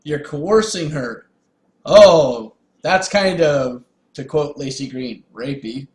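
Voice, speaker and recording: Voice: mid-range voice, slow. Echoey, sarcastic gamer commentator. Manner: sarcastic, sweary, amused. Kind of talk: casual gameplay commentary. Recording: echoey room.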